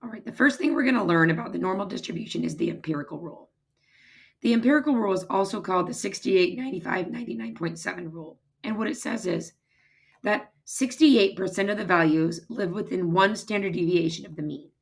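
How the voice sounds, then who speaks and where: Woman doing a math lecture, hoarse raspy voice w lots of fry, kinda low, informal step by step. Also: quick pace. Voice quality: husky, raspy, strained voice. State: hoarse, losing her voice, throat-clearing. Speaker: math teacher. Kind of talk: recorded lecture, informal explaining.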